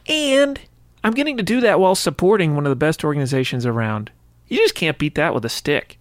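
A man hosting a radio interview, chatty and quick to cheer his guest on. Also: on the high side, lively intonation, dry recording, studio quality. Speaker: radio host.

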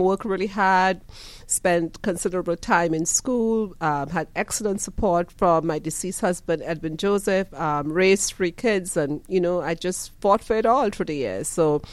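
A woman's voice: on the low side, measured pace, no room sound. A woman in her fifties with a Trinidadian accent, a college president answering radio interview questions in an earnest, reflective way with frequent ums and restarts. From Trinidad and Tobago.

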